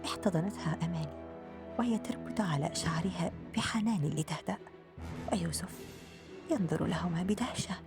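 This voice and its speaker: A woman reads the narration of a radio drama in measured formal Arabic. Her voice sits on the lower side, and clear music plays behind her. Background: background music.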